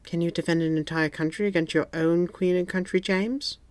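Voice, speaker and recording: A woman's voice: lowish voice, steady tone, fairly quick, a little mellow, dry recording, pitched above the performer's own voice, lightly acted. A man voicing a coy, flirty female office secretary who teases playfully. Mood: teasing. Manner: playful, teasing.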